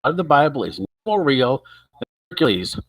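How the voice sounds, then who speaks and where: A man's voice: on the high side, big pitch swings, brisk, poor audio. A man calling in to argue, blunt and combative, while his bad microphone makes his voice break up and cut out. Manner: blunt and argumentative. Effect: choppy audio from a bad mic, voice keeps cutting out. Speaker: caller. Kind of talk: combative call-in debate. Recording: dry, breaking-up online call line.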